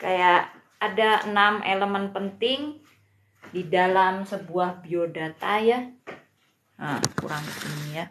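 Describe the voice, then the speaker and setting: A woman's voice: medium pitch, slow pace, fairly bright tone, slight background noise. A woman teaching a live-streamed Mandarin lesson, patient and greeting viewers by name.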